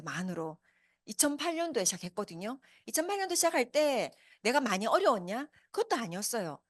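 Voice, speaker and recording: Woman, 50s, business seminar speaker, animated, fast-talking, lively pitch, dry sound. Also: dry recording. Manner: animated, asks the audience many questions. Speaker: business presenter. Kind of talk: motivational seminar talk. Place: meeting hall with a live audience.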